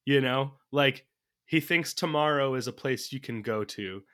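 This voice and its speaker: A man's voice: medium pitch, unhurried, pushed and bright. A man chatting casually about a movie as a podcast co-host, thinking aloud from his notes and laughing often. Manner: laughs often while talking.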